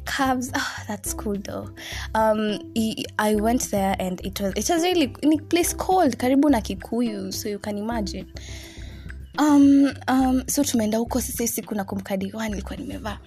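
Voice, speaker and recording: A woman in her twenties speaks with a Kenyan accent in a slightly high voice. She tells stories casually, like chatting to friends, with an animated and giggly delivery. Soft music plays behind her. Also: moderate pace. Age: 20s. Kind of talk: casual storytelling chat mixing English and Swahili.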